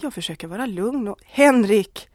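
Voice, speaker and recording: A woman's voice: mid-range voice, lively intonation, darkish tone, no echo, natural voice. A woman voicing a married woman who confesses a love affair, earnest and pleading, close to tears. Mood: torn.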